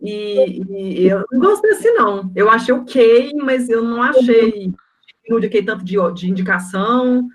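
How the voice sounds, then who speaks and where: A Brazilian woman with a fairly high voice gives frank opinions in a casual roundtable. She restarts her phrases often. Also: expressive, normal speed. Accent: Brazilian Portuguese. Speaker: panelist.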